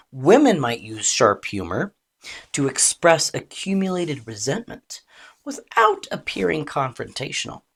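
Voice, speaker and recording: Female relationship coach: low, gravelly voice, calm and deliberate teaching delivery. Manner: calm, deliberate explaining with expressive emphasis. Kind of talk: measured educational talk.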